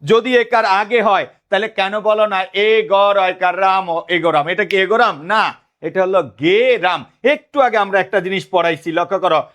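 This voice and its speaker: A man's voice: high-pitched, fairly bright tone. A man with a Bangladeshi accent teaching a live online grammar class, asking the same questions again and again and calling himself big brother to his students. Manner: drilling students with repeated questions.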